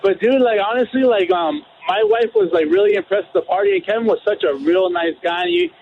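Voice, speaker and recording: A man's voice: extremely high pitch, huge pitch swings, fairly quick, vocal fry, slight background noise. A man calling in to a talk show, rambling in a casual way with lots of filler words over a phone line. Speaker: caller. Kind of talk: casual chat. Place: on a phone call.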